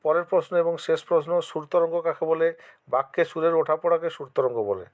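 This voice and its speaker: A man's voice: a little high, brisk. A man from West Bengal with a West Bengal Bengali accent, teaching an exam-prep lesson to his students. He reads each question aloud, answers it, and gives examples. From West Bengal, India. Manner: addresses students directly, encouraging.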